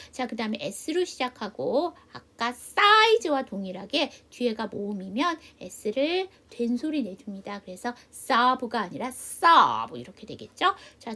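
A middle-aged woman teaching a basic English class, explaining patiently and slowly, spelling out letters. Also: on the high side, fairly bright tone. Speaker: English teacher at a seniors' welfare center. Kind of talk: classroom lesson.

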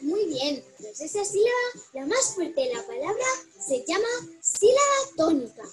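Very high, sing-song woman from Spain. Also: big pitch swings. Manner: slow, sing-song, stretching words syllable by syllable. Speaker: narrator of a children's educational video. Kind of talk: cheerful scripted narration for children. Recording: video played over a call with faint music.

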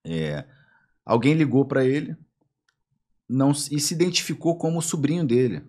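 A man's voice: mid-range voice, moderate pace. A man with a Brazilian accent telling anecdotes as a podcast guest, acting out the voices in his stories. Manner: animated, acts out voices in anecdotes. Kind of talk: casual storytelling.

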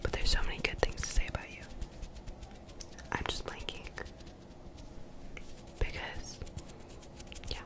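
A woman's voice: unhurried, pauses often. Young female, fully whispered ASMR, soothing and encouraging, repeats phrases, very close on the mic. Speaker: ASMR video creator. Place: small bedroom, indoors. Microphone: desktop condenser mic, very close.

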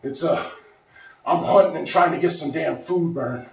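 A man's voice: a little high, moderate pace, gravelly. A man in his thirties, out of breath after lifting, rambling casually to the camera in a small home gym. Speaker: fitness vlogger. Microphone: far camera. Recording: very echoey room, from far off.

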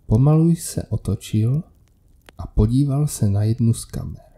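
Very dark-voiced man narrating a horror story. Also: mid-range voice.

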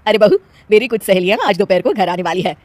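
Woman voicing cartoon mother-in-law: loud, scolding, exasperated. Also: medium pitch, fast talker, dry recording, natural voice. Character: scolding middle-aged mother-in-law, easily offended.

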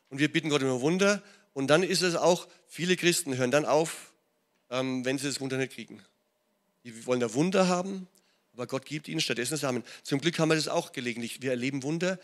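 A middle-aged man with a German accent, preaching a sermon in a church and often checking in with his listeners. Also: mid-range voice. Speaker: pastor. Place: church hall.

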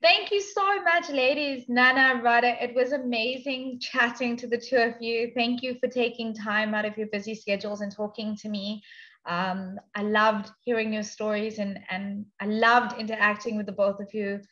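A woman's voice: a little high, fairly even intonation, normal speed, bright, forceful tone, lo-fi sound. A woman hosting an online panel interview, friendly and affirming toward her guests. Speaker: host.

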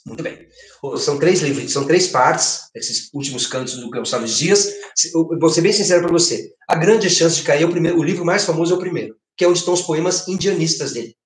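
A man's voice: a little high, fairly quick, reverberant. A middle-aged man with a Brazilian Portuguese accent teaching an online literature lesson from home. He talks animatedly, gestures as he goes and keeps checking in with tag questions. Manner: lively, gesturing, asks frequent tag questions. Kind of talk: online exam-prep lesson. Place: home living room with a projected screen.

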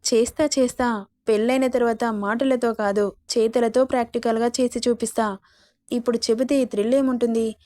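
A teasing, coaxing young male lover, read out by a woman storyteller. The voice sits a little high and sounds mellow and warm, recorded close and dry. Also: steady tone, normal speed, no room sound, close to an everyday voice. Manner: coaxing, playful.

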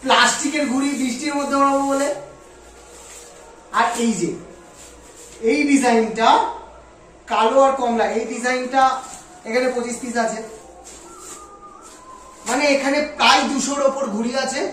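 A man vlogging in a loud, eager voice, with his words booming in a heavy room echo. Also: moderate pace, long pauses, slight background noise. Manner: talks very loudly, eager and excited. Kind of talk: casual vlog talk to camera. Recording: very echoey room, voice from a distance.

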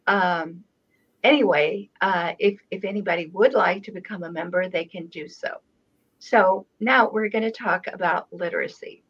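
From a home room with a framed painting on display, a channel host raised in Israel, with Hebrew as her first language, holds a casual video call conversation. Her lowish voice is slightly rough, and she talks slowly with lots of pauses and fillers. It's dull, lo-fi webcam audio.

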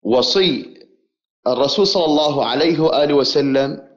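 A man calling in to a debate show, speaking in a measured, formal way and insisting on finishing his point. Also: on the high side, dull audio. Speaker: caller. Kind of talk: religious debate by phone.

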